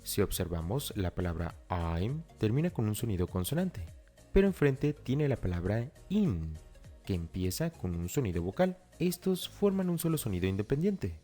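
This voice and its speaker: Lively low-voiced man teaching a lesson. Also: normal speed, soft background music. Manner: clear, step-by-step explaining, addresses the learner directly. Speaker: English teacher. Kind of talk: scripted tutorial narration.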